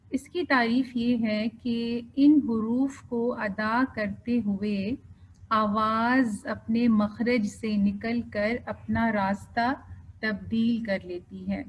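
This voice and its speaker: Patient woman teacher, slightly high voice. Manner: patient, stretches out example words slowly; mixes English terms into explanations. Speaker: Quran recitation teacher. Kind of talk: online class lecture. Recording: dull lo-fi with faint noise.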